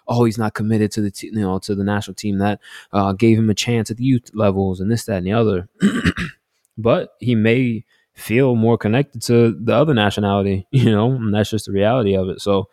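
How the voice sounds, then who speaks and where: A man's voice: sits low, darkish tone, no echo, clean studio sound. A man co-hosting a sports podcast, reasoning aloud in a loose, conversational way. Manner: conversational, reasoning aloud with frequent "you know". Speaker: podcast co-host. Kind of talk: casual sports podcast discussion.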